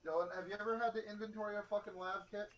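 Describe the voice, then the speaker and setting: A man's voice: high-pitched, fairly even intonation, very fast, a bit bright, muffled recording, faint music behind. A man on a voice chat with a friend, chatting casually and explaining things while he works.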